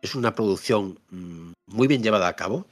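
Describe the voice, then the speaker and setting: A man's voice: lowish voice, normal speed, faint music behind. A man hosting a podcast, giving a casual spoken review of a game and repeating points for emphasis. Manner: repeats himself for emphasis, frequent fillers and tag questions.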